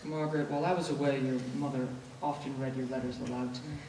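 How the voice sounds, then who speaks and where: A young man playing a polite, hesitant, earnest suitor in a stage play, speaking in a halting, courteous way. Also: medium pitch, little pitch movement, darkish tone, lightly acted. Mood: hopeful. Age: teenage or young adult performer. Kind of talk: high school stage play acting. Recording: echoey stage, distant mic, noisy.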